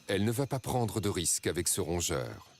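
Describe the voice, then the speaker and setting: A man reading scripted nature documentary narration in a measured, dramatic storytelling way. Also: sits low, sing-song, creaky, background noise.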